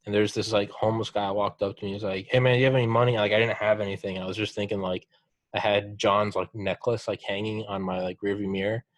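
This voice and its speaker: A young man hosts a casual podcast chat, cursing freely and cheering on his guest in an animated, story-driven way. He speaks fast in a lowish voice, and the sound is dry and close with no room echo.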